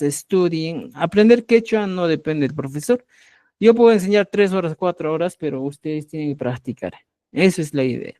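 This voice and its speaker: A man's voice: high-pitched, a little mellow, no room sound, clean studio sound. A man with a Peruvian accent teaching a live online Quechua class, explaining patiently and checking understanding with "ya".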